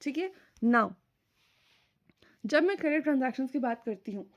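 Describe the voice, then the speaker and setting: A woman teaching an online accounting class, her voice sitting a little on the high side. She walks through each point step by step and keeps checking with her students whether it is clear, slipping English terms into her explanations. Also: expressive, normal speed. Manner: mixes English terms into Hindi speech. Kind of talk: recorded online lecture.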